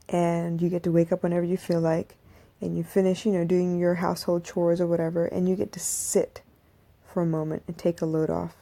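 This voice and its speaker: Her voice is lowish and warm, with vocal fry, as this woman in her thirties hosts a podcast via a phone's live audio stream. She talks to listeners in a conversational, reflective monologue, with restarts and asides.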